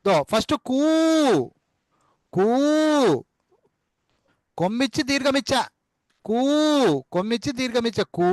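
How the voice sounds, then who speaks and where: A male teacher giving an online class lesson, repeating syllables slowly to drill spelling and fondly calling his students amma and nanna. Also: extremely high pitch, fairly bright tone, no room sound. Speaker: spoken English teacher.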